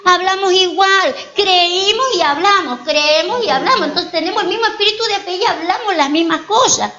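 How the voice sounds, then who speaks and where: A woman's voice: extremely high pitch, moderate pace, highs cut off, crowd noise. A woman pastor preaching a sermon, repeating her points and asking the congregation rhetorical questions.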